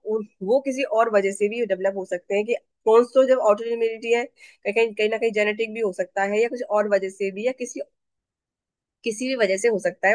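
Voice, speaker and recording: A woman's voice: fairly high pitch, no echo. A woman teaching a neurotherapy class on a video call, explaining patiently, checking in with her listeners and mixing in English terms. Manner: explanatory, repeats and checks understanding; mixes English terms into speech. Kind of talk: online class lecture. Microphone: video call mic.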